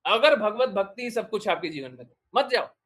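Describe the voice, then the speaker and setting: A man's voice: sits high, very animated, moderate pace, a bit bright. A man giving a devotional discourse, exhorting his listeners with repeated short commands and questions. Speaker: spiritual teacher.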